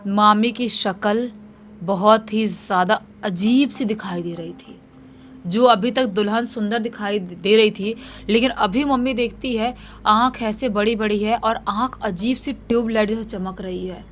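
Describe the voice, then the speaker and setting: A woman telling a real-life horror story in a lively, animated way. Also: medium pitch, slight background noise.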